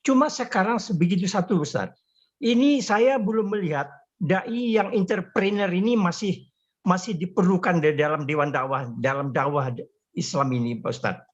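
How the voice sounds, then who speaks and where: Man, high voice, choppy breaking-up call, dull lo-fi line, polite and deferential caller. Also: normal speed. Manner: polite, deferential, keeps repeating the respectful address. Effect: choppy call audio that keeps breaking up. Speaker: caller asking a question. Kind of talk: question in an online Q&A. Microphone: remote call.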